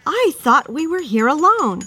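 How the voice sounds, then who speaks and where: A slow, lively high-voiced wife. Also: female voice, heavily acted. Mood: playful. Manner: teasing, expressive. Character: chatty wife on a road trip. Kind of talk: radio drama acting.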